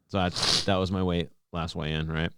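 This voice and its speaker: A man's voice: deep voice, level tone, normal speed, a bit bright, slight background noise. A man in his forties co-hosting a podcast, chatting casually and explaining at length with many restarts. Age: 40s. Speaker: podcast co-host. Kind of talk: casual chat.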